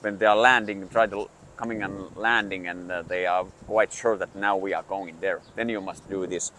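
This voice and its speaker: A low-pitched man speaking non-native English gives a casual hunting lesson outdoors. He explains haltingly, with hesitant pauses. Countryside noise is plainly audible around him. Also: fairly even intonation, bright, forceful tone. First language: not English. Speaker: hunting instructor.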